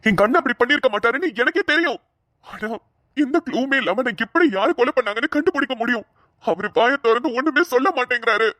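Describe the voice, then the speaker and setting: A woman's voice: a little high, lively intonation, fast, fairly bright tone, no room sound, studio quality. Woman voicing a fed-up young police officer. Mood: exasperated. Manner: exasperated, scolding rants. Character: young male police officer, harried and short-tempered. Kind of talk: dubbed cartoon voice acting.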